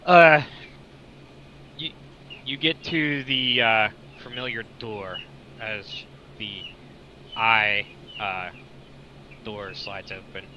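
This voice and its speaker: Young guy dm'ing a tabletop game at home, laughs a lot, bright voice, kinda muffled mic. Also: lowish voice, steady tone, extremely slow, pauses often. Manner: casual, laughing often, swearing. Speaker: game master. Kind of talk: narrating a tabletop game over voice chat. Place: home with chickens nearby. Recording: dull lo-fi mic with faint noise.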